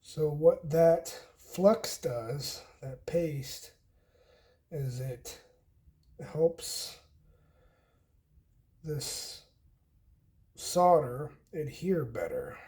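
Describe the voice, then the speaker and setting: He's the host of a DIY homestead channel demonstrating wiring, his fairly high, mellow voice animated yet very slow, with frequent pauses. He explains casually and step by step in short pieces while working hands-on.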